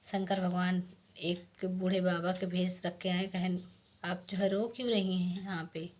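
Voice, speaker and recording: A woman casually narrating a village folk tale, softly voicing the lines of each character. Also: fairly low pitch, flat delivery, a little slow, slight background noise. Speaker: storyteller.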